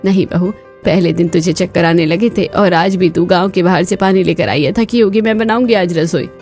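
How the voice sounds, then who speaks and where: A woman voicing a kind but firm older mother-in-law in a cartoon story, speaking calmly and insistently. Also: fairly low pitch, normal speed, faint music behind, close to an everyday voice.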